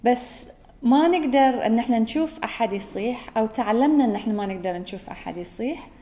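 Hosting a podcast, a woman with a Gulf Arabic accent delivers an earnest, reflective solo monologue, correcting herself as she goes. Her fairly high, mellow voice has lively intonation and a quick pace.

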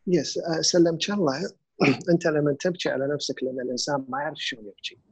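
A man with a Gulf Arabic accent calmly explains emotions and grief, mixing in English words. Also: on the high side, very fast, slightly rough, dry recording. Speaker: guest speaker on grief and emotions. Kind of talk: reflective conversational explanation.

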